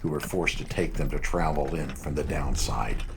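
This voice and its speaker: Very deep-voiced male storyteller. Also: normal speed, heavy background noise. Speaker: narrator. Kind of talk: audiobook narration.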